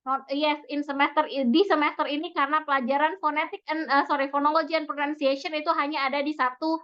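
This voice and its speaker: A woman with an Indonesian accent giving a pronunciation lecture, explaining slowly and repeating each example word, in a dull lo-fi recording. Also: high-pitched, little pitch movement, pushed and bright. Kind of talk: recorded online lecture mixing Indonesian and English.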